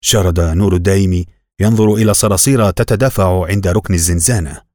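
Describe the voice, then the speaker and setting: A man narrating a novel as an audiobook in a measured, even reading. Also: low voice, dry recording, studio quality.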